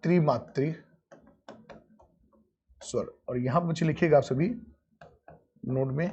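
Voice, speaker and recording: A man's voice: fairly high pitch, normal speed, warm tone, a little hiss or hum. A man teaching grammar in a live online class, calling his students "beta" and answering his own questions. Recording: dull lo-fi audio.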